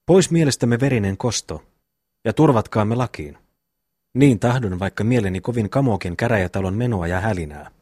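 A man's voice: on the low side, lively intonation, darkish tone, husky, no room sound, studio quality. A man reading as a pious, tearful peasant brother. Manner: pleading, pious tone. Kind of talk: audiobook reading of a classic novel.

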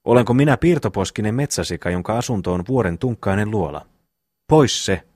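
A man's voice: lowish voice, lively intonation, darkish tone, no room sound, clean studio sound. A man voicing a simple-minded, good-natured brother who speaks in a plain, naive way in an audiobook reading. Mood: protesting.

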